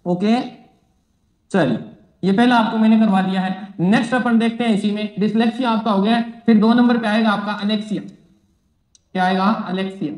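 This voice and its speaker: A man lectures like a coaching teacher and drills students by repeating each phrase several times. His voice sits very high for a man. The room around him is echoey. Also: steady tone, normal speed, a little mellow. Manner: repetitive, drills phrases, asks and answers own questions. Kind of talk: exam-prep classroom lecture.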